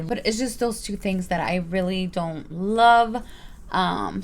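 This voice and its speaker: A woman's voice: on the low side, slight background noise. A woman in her thirties reviewing her purchases in a casual, chatty vlog, rambling with playful asides. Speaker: vlogger.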